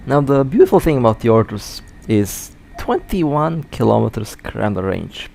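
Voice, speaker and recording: Playing a mobile space game, a man gives loose, casual live commentary in a gravelly, creaky voice of medium pitch, a little mellow, with big pitch swings at normal speed. He has the hiccups, so his chatty, self-correcting narration keeps catching and restarting mid-word.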